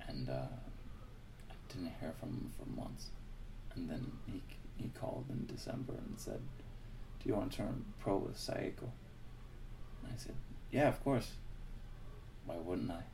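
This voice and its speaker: An American man telling stories from his cycling days in a relaxed, casual chat, often repeating words as he starts a sentence. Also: low voice, unhurried, pauses often, noisy background. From United States. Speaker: guest, former pro cyclist.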